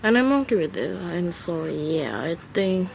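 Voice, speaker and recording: A woman whose first language is not English records her first solo podcast alone at home on a phone, in a casual monologue full of hesitation, fillers and restarts. Her voice is on the low side and creaky, with lively intonation and an unhurried pace, over slight background noise.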